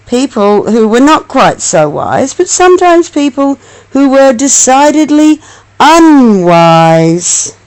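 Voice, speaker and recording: A mother reads a storybook aloud to her young child, expressive and loving, adding gentle coaxing asides. Her voice is high and smooth, her pace slow, and the recording rough.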